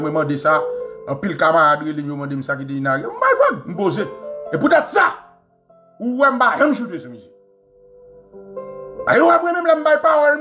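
Fiery Haitian man ranting on a live stream. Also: fairly high pitch. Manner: animated, shouting bursts, code-switching, swearing. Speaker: commentator. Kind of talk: heated live-stream rant.

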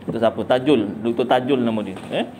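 A middle-aged Malaysian Malay-accented religious teacher talks fast and casually, cracking jokes and answering questions he raises himself. His mid-range voice has a dark tone, with slight background noise.

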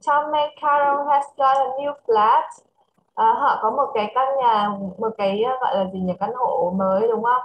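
A woman with a Vietnamese accent teaching English to a child over a video call, switching between English and Vietnamese and reading English phrases slowly. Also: fairly high pitch, lo-fi sound, slight background noise. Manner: mixes English and Vietnamese, slow careful English. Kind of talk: online English lesson for a child.

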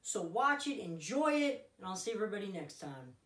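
A man in his twenties with an American accent giving a loud, upbeat, projected introduction to camera. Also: sits high, big pitch swings, brisk, distant mic. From Long Island, New York. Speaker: actor introducing his video. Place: small room indoors, on a couch. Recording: roomy indoor echo.

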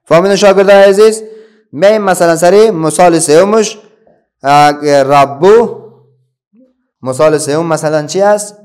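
A man's voice: fairly high pitch, pauses often, a little mellow. Patient Afghan man teaching children. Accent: Afghan Dari. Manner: explains patiently, asks questions then answers them himself. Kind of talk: children's religious reading lesson.

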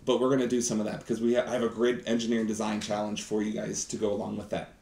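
A man's voice: fairly low pitch, completely flat delivery, very fast, creaky, warm tone. A man in his thirties doing a chatty, enthusiastic live science demonstration, talking directly to viewers. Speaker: science teacher host. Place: home kitchen set, indoors. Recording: roomy kitchen echo.

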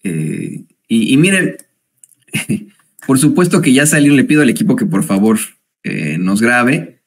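A man's voice: mid-range voice, sing-song, measured pace. A man with a Mexican accent hosting a commentary show, reading news aloud with sarcastic, chatty asides and frequent hesitations. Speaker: host.

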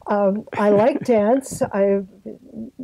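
Brief: older Canadian woman, interview guest, mellow dry voice, hedging and restarting often. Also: medium pitch, fairly even intonation, extremely slow, gravelly, slightly rough, no echo, poor audio. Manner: hesitant, many fillers and restarts. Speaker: guest, arts health board secretary. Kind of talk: casual interview talk.

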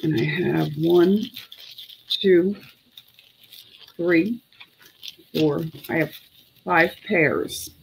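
A middle-aged woman runs a casual live online sale at a slow, unhurried pace. She chats to buyers and counts half to herself. The room recording has clear background noise. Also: on the low side, low-quality recording. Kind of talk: casual live selling chat. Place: indoor room with clothes racks.

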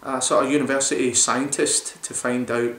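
A man's mid-range, fairly bright voice comes across flat and at normal speed as he reviews a beer to camera. He's in his forties, rambling eagerly with lots of fillers in a small room, and the home recording sounds roomy and echoey.

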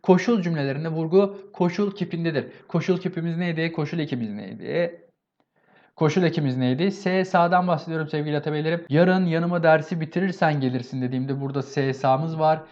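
A man's voice: on the high side, a little fast, darkish tone, muffled recording. A man teaching a grammar lesson with energy, asking and answering his own questions and often repeating an affectionate address to his viewers. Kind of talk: online exam-prep lesson.

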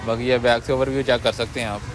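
A man's voice: mid-range voice, level tone. Man presenting cars at an outdoor market. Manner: brisk salesman-like patter, polite questioning. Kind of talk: walkaround commentary and street interviews. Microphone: handheld mic. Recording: outdoor street noise behind.

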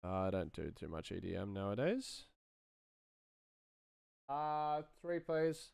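In this casual screen-share, a thirty-something streamer and sound designer thinks aloud in muttered fragments while working at his computer in a small room. He speaks slowly in a lowish, sing-song voice that's gravelly yet a little mellow, with a clean tone. The recording is dry and studio quality.

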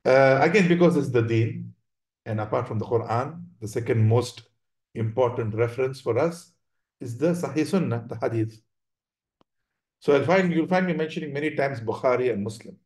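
A man of middle pitch gives an online religious lesson in a roomy, echoing space. He explains patiently, keeps checking that his listeners follow, and often breaks off to restart his sentences. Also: a little mellow. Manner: explanatory, frequent check-ins with "right?" and "yeah?"; halting, with many restarts. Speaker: Islamic teacher. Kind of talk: online religious class with slides. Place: online video lesson, voice over slides. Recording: roomy echo.

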